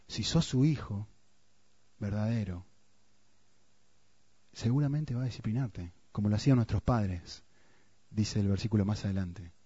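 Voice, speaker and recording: A man's voice: medium pitch, husky, dry recording, lo-fi sound. Rioplatense man preaching with urgent repetition. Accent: Rioplatense Spanish. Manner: swings between hushed emphasis and raised, urgent repetition. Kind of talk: sermon.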